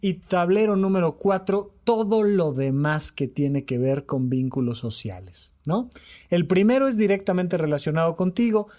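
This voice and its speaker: High-voiced man, animated and emphatic. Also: moderate pace. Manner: animated, repetitive, acts out quoted dialogue. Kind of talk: podcast talk on emotional health.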